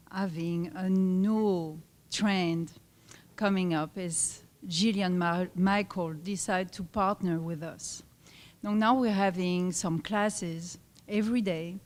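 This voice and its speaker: Slow-talking woman with a French accent. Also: on the low side, darkish tone. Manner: halting, many fillers and restarts. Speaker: fitness club owner. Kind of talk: live event speech. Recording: reverberant hall.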